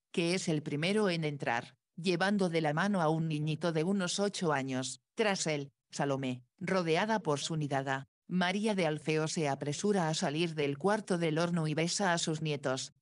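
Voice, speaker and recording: Woman audiobook narrator, low voice, dry close read, measured pace of delivery. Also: no room sound. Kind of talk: scripted narration.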